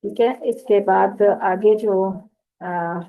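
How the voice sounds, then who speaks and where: A woman's voice: mid-range voice, fairly even intonation. A woman with a Pakistani Urdu accent teaching Quran recitation, speaking earnestly and patiently as she contrasts right and wrong sounds. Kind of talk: spoken lesson with recited examples. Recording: tinny phone-like audio.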